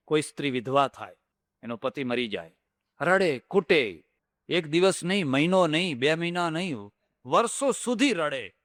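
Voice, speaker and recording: An older man leads a spiritual discourse, moving between anecdote and teaching in a storytelling manner. He repeats phrases to drive his point home, and his voice sits fairly high. The sound is dry and close, with little room in it. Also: fairly bright tone, no room sound. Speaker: swami giving a religious discourse.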